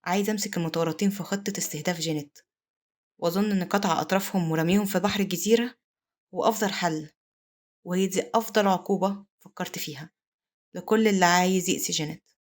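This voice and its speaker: A woman voicing a brooding male pirate duke in her Egyptian Arabic accent, with quick, flat delivery. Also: lowish voice, natural voice. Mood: softly menacing.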